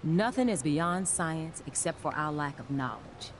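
A caring science teacher in a video game, explaining things in a measured, earnest way. Her voice sits low for a woman, and clear noise runs behind the game audio. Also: lively intonation. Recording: game audio under a livestream, with background noise.

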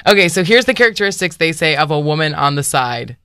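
A woman's voice: sits low, expressive, fast, sharp tone, clear, resonant tone. A woman co-hosting a podcast, talking candidly and bluntly in casual chat, laughing often. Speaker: podcast co-host.

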